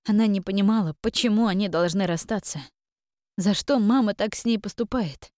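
A woman narrates an audiobook in a measured, quiet manner at a middle pitch. The recording is dry and close, with no room sound. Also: dry recording. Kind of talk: scripted narration.

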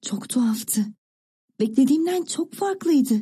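A woman voicing a thoughtful teenage older sister who confides a secret in a musing, hushed way. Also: sits high, animated, unhurried, pitched above the performer's own voice. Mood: confiding.

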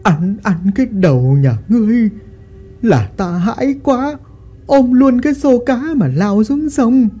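A woman's voice: a little high, lively intonation, unhurried, warm tone, husky, soft background music, voice pushed up. A woman voicing a stammering scared old fisherman. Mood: shaken, whining. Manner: stammering, panicky.

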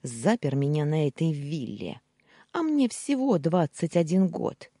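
A woman acts out a bitter young wife of twenty-one in an audiobook, sharp and scornful as she hisses orders. The voice sits low and husky, with lively swings in pitch. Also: a little slow, no echo, studio quality, heavily acted. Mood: bitter, angry.

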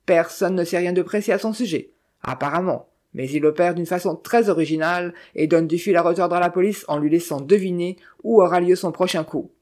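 A narrator voicing an elderly, ailing American man with a strong, sonorous voice and a good-natured, deadpan manner. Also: mid-range voice, brisk, close to an everyday voice. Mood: genial.

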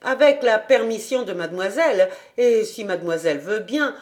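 A woman's voice: medium pitch, lively intonation, normal speed, a little mellow, lightly acted. A woman voicing an eager young country woman who chatters deferentially to her superior in a storybook reading.

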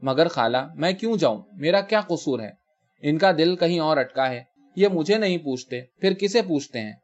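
A distraught middle-aged wife pleads and cries out against being sent from her home, as a man reads her lines in a story. The voice sits a little high, and the reading has a dull, lo-fi sound. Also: expressive, natural voice. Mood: pleading. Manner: pleading, hysterical outbursts.

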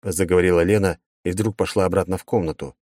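A man reading a first-person audiobook in a brisk, wry storytelling manner on a close mic. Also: deep voice, fairly even intonation, darkish tone, dry recording. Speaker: audiobook narrator.

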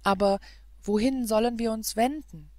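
A woman reading the part of a gentle, sweet young girl in a fairy-tale audiobook, speaking tenderly and pleadingly. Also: a little high, normal speed, no echo, lightly acted.

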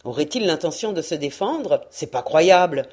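A woman's voice: low-pitched, animated, normal speed, darkish tone, husky. A woman voicing a confident male privateer sailor who speaks firmly and with assurance. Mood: incredulous.

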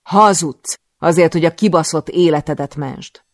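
A vengeful young woman assassin in an audiobook thriller, as a male reader puts her on, shouting with raw anger. The voice is gravelly and recorded close and dry. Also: a little high, fairly even intonation, no echo. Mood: furious.

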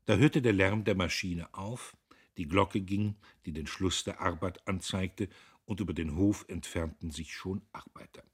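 Very husky, deep male narrator. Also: measured pace. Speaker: audiobook narrator. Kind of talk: literary audiobook reading.

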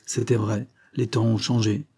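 A man's voice: on the low side, little pitch movement, moderate pace, darkish tone, husky. A man voicing an earnest male police investigator who speaks respectfully to a judge and sighs as he talks.

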